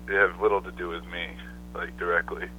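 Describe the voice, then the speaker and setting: A low-pitched man speaks over a muffled phone line. He chats in a relaxed, loose way as a guest, with plenty of fillers, and a faint hiss runs underneath. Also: brisk. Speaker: songwriter guest. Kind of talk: casual phone interview.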